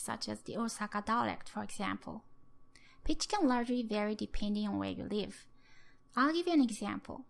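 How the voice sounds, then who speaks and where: Woman, slightly high with creak. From Japan. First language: Japanese. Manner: patient, explanatory, sounds out example words. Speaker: language teacher. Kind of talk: recorded language lesson.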